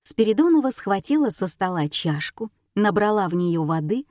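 A woman's voice: mid-range voice, moderate pace, no room sound. Woman narrating an audiobook, dry sound. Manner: steady storytelling read. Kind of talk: scripted narration.

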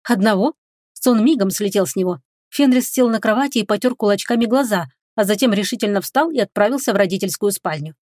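A woman's voice: mid-range voice, lively intonation, quick pace, a little mellow, no room sound. Woman narrating a fantasy story in a dry room. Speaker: audiobook reader.

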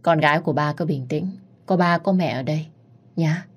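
A woman voicing a gentle middle-aged father reassuring his daughter. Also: low voice, moderate pace.

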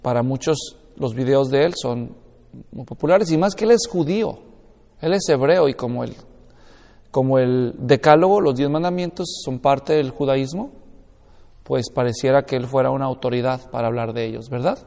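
A man's voice: medium pitch, moderate pace, creaky, warm tone. Man teaching a Bible class in a hall. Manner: explanatory, checks understanding with questions.

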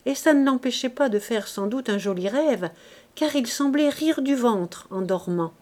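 A woman narrating a classic novel as an audiobook reader, in a measured storytelling manner. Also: on the high side, expressive, a little mellow.

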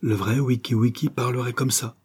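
A man's voice: medium pitch, fairly even intonation, normal speed, a little mellow, slightly rough, voice pushed up. Man playing an eager, proud young writer.

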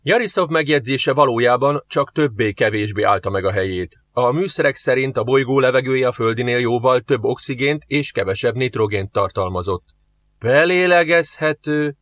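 A man's voice: mid-range voice, few pauses, no echo. Man reading a sci-fi audiobook. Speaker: audiobook narrator. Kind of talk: scripted narration.

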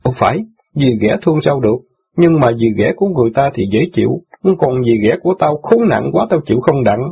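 Man doing a bitter young newspaper boy, husky gravelly voice, aggrieved outbursts, storybook drama. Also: medium pitch, animated, quick pace, mellow, heavily acted. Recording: dull lo-fi audio.

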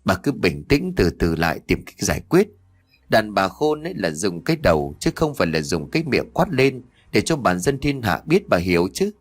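A man's voice: on the low side, very animated, moderate pace. A man voicing a nosy older female neighbor who gives coaxing advice in an audio story. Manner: coaxing, advising.

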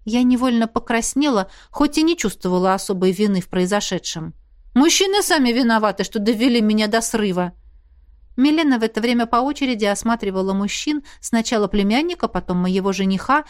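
A woman narrating a first-person fantasy audiobook in an expressive, even storytelling manner, close to the mic. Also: medium pitch, fairly quick. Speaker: audiobook reader.

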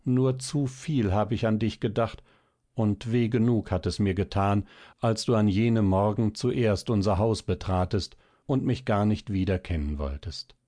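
A man's voice: lowish voice, unhurried, mellow, lightly acted. A man voicing a shy, wondering young woman. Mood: sorrowful.

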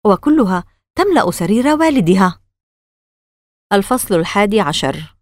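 Woman reading a kids' novel, lively expressive voice, dry close sound. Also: mid-range voice, no echo. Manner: expressive storytelling. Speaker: audiobook narrator. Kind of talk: scripted narration of a children's novel.

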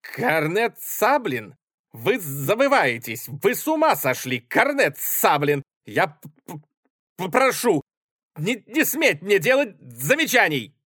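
A man shouting as a drunken raging cavalry captain. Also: high voice, big pitch swings, slow pace, slightly rough, no echo, pitched above the performer's own voice, full character voice. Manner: shouting, stammering with rage.

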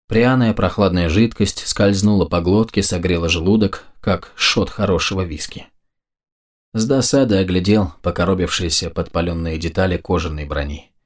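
A man narrating a first-person fantasy audiobook in a measured, even way. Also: low voice.

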